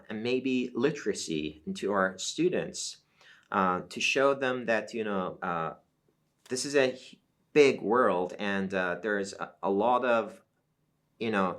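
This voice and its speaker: The speaker is a middle-aged man from Iran whose first language is Azeri Turkish. He appears as a professor guest in an academic interview, and his voice runs on the low side as he explains things in a measured way with frequent fillers.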